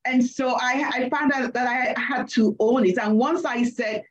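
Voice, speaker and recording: A Nigerian-accented woman, an accounting leader on a panel, tells a personal story from her work, revisiting her words as she goes. Her voice sits high with a steady tone and an unhurried pace, and the recording has its highs cut off.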